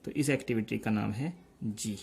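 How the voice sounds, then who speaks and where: A man's voice: lowish voice, gravelly, darkish tone, breathy edge. Man teaching step by step. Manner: explains slowly, checks in often. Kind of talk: step-by-step lecture.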